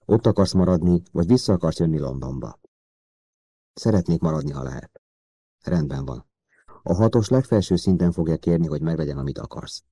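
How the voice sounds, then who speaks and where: A man's voice: low-pitched, animated, warm tone, slightly rough. A man reading a composed spy chief. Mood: businesslike.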